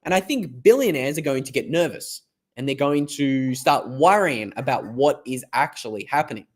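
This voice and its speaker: A hoarse Australian man hosting a live stream in a loose, chatty way. He rambles from point to point and reads viewer comments out loud, his voice a little worn. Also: medium pitch, expressive, normal speed. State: hoarse, lost voice.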